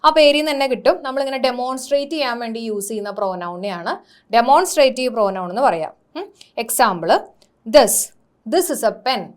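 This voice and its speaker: A woman's voice: a little high, expressive, normal speed. A woman with a Malayali accent teaching an exam-prep grammar lesson, asking questions and answering them herself while mixing English words into her explanations. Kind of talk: classroom-style lesson.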